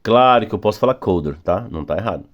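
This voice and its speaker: A male teacher with a fairly low voice explains spelling rules at an unhurried, patient pace. He repeats each example and stretches out the key words. Portuguese is his first language. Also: animated, lo-fi sound. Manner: patient, repetitive, drawing out key words slowly. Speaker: English teacher. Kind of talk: phonics lesson explanation.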